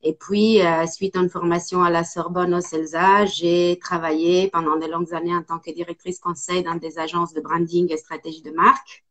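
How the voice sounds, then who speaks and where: A woman in her forties from Italy with an Italian accent, speaking as an interview guest, hesitant with many pauses and fillers. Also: lowish voice, level tone, a bit bright. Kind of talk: casual interview.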